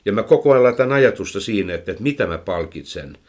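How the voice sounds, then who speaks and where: A man with a slightly low voice talks through horse training in a relaxed, conversational way. He leans on filler words and often repeats himself as he builds each point. The recording comes from an indoor session with a microphone. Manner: explains at length, many "tota" fillers and repeated words. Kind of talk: casual explanatory chat.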